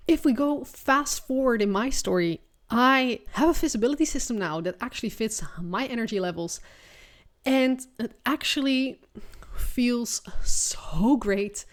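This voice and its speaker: A woman's voice: a little high, animated, moderate pace. A woman from the Netherlands with a Dutch accent, hosting her own podcast as a business coach and talking to listeners in an earnest, encouraging way that often restarts its sentences. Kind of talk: solo podcast monologue.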